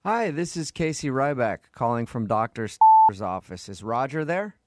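Deadpan man pulling a prank call. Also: medium pitch, normal speed, noisy background. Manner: deadpan, feigning confusion, stifled laughter. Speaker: radio host making a prank call.

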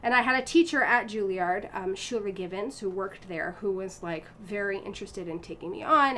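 An American violinist in her thirties tells her story as a guest in a casual interview. Her delivery is animated, with frequent fillers, restarts and lots of laughter. She has a mid-range voice, and there's slight background noise.

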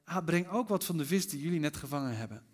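Casting: a pastor voicing a gentle, calm Jesus, scripture reading, fairly high man's voice. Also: quick pace. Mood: tender. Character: Jesus as a calm, gentle grown man teacher.

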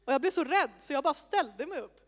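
A woman's voice: high-pitched, expressive. Woman preaching in a reverberant hall. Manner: conversational, self-mocking asides. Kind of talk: sermon with personal testimony. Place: church hall with congregation.

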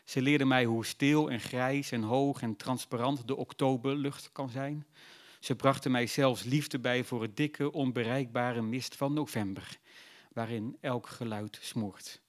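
A man narrating a literary novel in a measured, reflective storytelling voice. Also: mid-range voice, fairly even intonation.

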